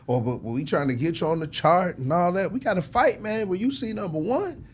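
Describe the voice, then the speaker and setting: Amid slight background noise, a man in the role of an interviewed record executive talks shop in a casual yet passionate way. His high voice is animated and a little fast. He presses his case emphatically and persuasively, repeating himself and using plenty of slang.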